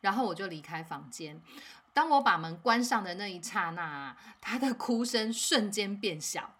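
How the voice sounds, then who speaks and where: A mother hosting a parenting podcast, telling a home story in a calm, measured way with soft, weary asides. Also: mid-range voice, breathy edge.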